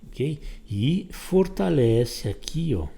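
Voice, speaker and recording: A man's voice: fairly high pitch, sing-song, slow, vocal fry, warm tone. A man teaching a step-by-step drawing lesson, giving patient instructions while he sketches.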